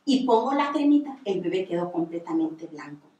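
A woman's voice: fairly low pitch, very animated, moderate pace, mellow, muffled recording. A woman giving a religious testimony on the radio, telling her story earnestly with many repetitions. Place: radio studio. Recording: echoey room, distant mic.

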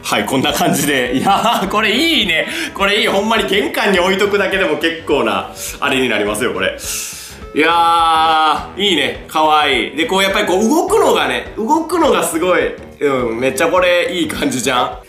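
A man's voice: fairly high pitch, big pitch swings, a little fast, sharp tone, echoey room, faint music behind. Playful Kansai-dialect man vlogging. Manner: chatty and playful, laughs often. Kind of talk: casual product showcase vlog.

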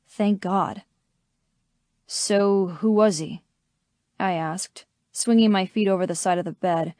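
Female audiobook narrator, steady first-person read, dry studio sound. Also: lowish voice, dry recording.

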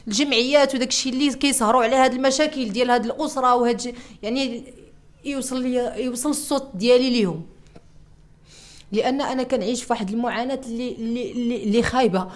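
Rapid, high-voiced Moroccan woman. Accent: Moroccan Arabic. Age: young adult. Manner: distressed, repeating herself and restarting often. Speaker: interviewee. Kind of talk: emotional personal testimony.

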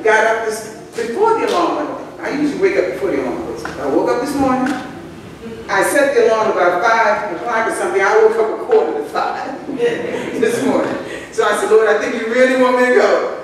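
An older woman preaching at a church pulpit, her talk loose and conversational as she tells stories and speaks straight to the congregation. The sound booms through a big hall with a long echo and is picked up from a distance, with faint noise underneath. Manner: conversational storytelling with asides to the congregation. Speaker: pastor. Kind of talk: sermon. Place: large church sanctuary, at a pulpit. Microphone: pulpit microphone, far camera. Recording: echoey church hall from afar.

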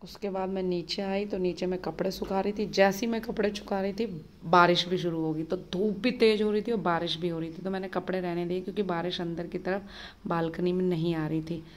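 Hurried chatty mother vlogging her morning. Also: fairly low pitch, fairly even intonation. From Uttarakhand, India. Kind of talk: casual daily vlog narration.

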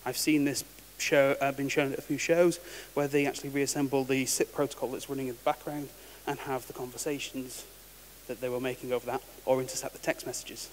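A mid-range male voice, steady in tone and a little fast, belongs to a conference speaker giving a technical talk in a large hall. He comes across casual and wry, often restarting words, and the recording has reverb and a faint hiss.

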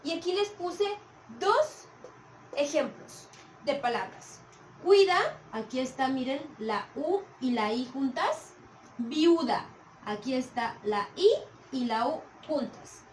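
A woman's voice: high voice, lively intonation, slow pace. A woman teaching a primary school class on video, patiently checking in with the children as she explains. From Mexico. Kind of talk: recorded video lesson for children. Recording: echoey room, from a distance, faint hiss.

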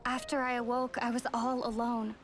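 A woman voicing a young wandering heroine who narrates a video game story, wistful yet determined and measured. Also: a little high, flat delivery, a little hiss or hum, natural voice. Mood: wistful, resolute. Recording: long cavernous reverb.

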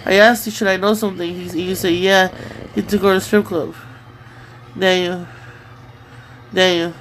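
A woman's voice: fairly low pitch, fairly even intonation, moderate pace. Teasing woman in a slightly noisy home recording. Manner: teasing, repetitive prodding questions. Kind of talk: casual teasing chat with a sleep-talking partner.

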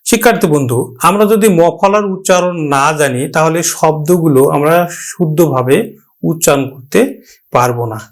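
A man teaching a pronunciation lesson, addressing students directly, explaining step by step and slowly drawing out example words. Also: a little high. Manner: slow, drawn-out repetition of example words. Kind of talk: Bengali grammar lesson.

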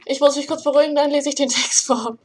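A young woman hosting a let's play, commenting casually and shouting in panic when things get scary. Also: high-pitched, fast talker. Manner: excitable, panicky shouting during scares.

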